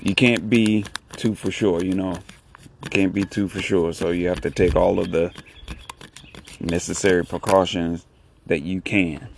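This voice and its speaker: A man hosting a solo podcast in casual talk, keeping his voice low and hushed, in halting short phrases. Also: steady tone, creaky, slight background noise. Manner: low, hushed talking so as not to disturb someone. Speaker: podcast host.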